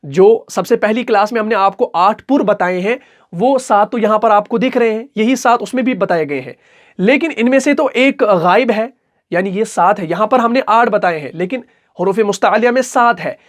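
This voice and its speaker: A man teaching a recitation lesson in an online class. He stretches each example word out slowly and keeps checking in with the listener. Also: sits high.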